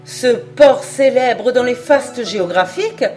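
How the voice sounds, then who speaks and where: A woman voicing an eager, absent-minded male French geographer who talks in lively, emphatic exclamations in an audiobook. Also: medium pitch, unhurried, faint music behind, close to an everyday voice. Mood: excited.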